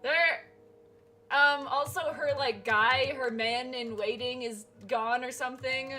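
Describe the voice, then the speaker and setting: High, bright, giggly young woman. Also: slow, faint music behind. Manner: giggly, excitable reactions. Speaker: comic read-through co-host. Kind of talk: casual chat on a live stream.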